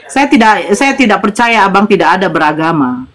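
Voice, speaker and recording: A woman's voice: mid-range voice, sing-song, fairly quick, a bit bright. A woman asking firm, insistent questions in a live online debate. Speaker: debate participant.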